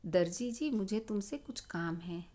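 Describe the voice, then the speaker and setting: A woman's voice: medium pitch, lively intonation, unhurried, warm tone. Brief: woman playing a boastful mischievous boy mouse for a children's story, cheeky and sing-song. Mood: demanding. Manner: sing-song threatening chant, cheeky demands.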